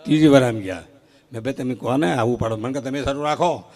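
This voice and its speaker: A man doing live comic storytelling at a folk stage show, acting out short quoted exchanges with lively timing. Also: mid-range voice, quick pace. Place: live outdoor stage event before an audience.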